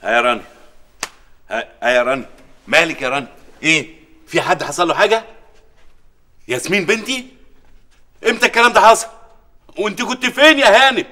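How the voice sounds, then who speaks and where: A panicked, short-fused sitcom dad who scolds his friend in Egyptian Arabic. His voice is high and bright, and his words come fast. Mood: worried. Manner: exasperated, scolding. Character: frantic, hot-tempered father of a kidnapped girl. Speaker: sitcom character. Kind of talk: sitcom acting.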